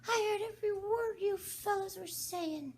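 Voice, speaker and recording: A woman voicing a sleepy, feeble little dormouse with a hoarse, thin voice and a drowsy, sulky manner. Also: extremely high pitch, normal speed, slight background noise, pitched above the performer's own voice.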